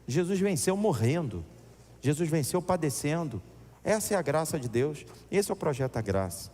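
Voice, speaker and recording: A man preaching a sermon as pastor, animated and acting out voices in his stories. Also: fairly high pitch, normal speed. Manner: animated, acts out voices in anecdotes. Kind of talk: storytelling sermon. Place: church. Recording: echoey church hall.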